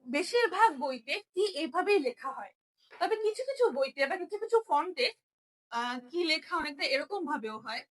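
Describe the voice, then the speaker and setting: A young woman with a very high, bright voice teaches a step-by-step writing lesson. She talks patiently and repeats each sound so learners can follow. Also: sing-song, moderate pace. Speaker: Japanese language teacher.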